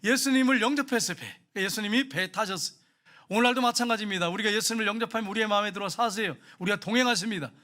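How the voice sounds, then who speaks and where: High-voiced fast-preaching male pastor. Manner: emphatic preaching, dropping to quiet storytelling; addresses the congregation directly, repeating points. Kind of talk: sermon.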